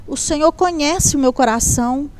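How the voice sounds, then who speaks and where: A woman with a high voice gives a heartfelt personal testimony. She tells it in a lively way and acts out each line of dialogue as she goes. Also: moderate pace, no room sound. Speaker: guest giving a testimony.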